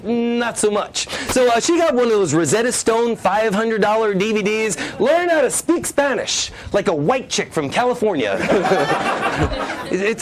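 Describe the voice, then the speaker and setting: A man performing stand-up magic patter on stage, telling a comic story quickly with punchlines. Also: high-pitched, noisy background. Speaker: magician doing a comedy routine. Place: theater stage before a live audience.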